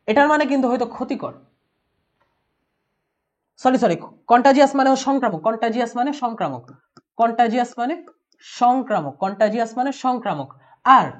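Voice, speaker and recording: A young woman teaching an online exam-prep lesson, explaining quickly, repeating key words and spelling them out. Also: fairly high pitch, lo-fi sound.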